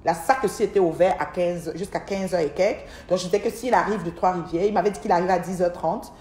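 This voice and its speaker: A middle-aged woman livestreams from home beside an aquarium, telling a long, rambling story and often repeating words as she talks to viewers. Her voice is fairly low, steady and mellow, and she talks fast. The device mic picks up an echoey room.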